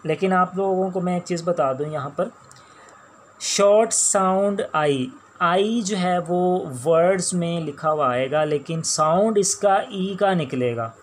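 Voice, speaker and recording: A man with a Pakistani accent teaching a shorthand class, explaining each sound slowly and repeating words as he writes them out. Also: high voice, slight background noise. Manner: slow, patient, repeats each sound and word. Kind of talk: classroom lecture while writing on a board.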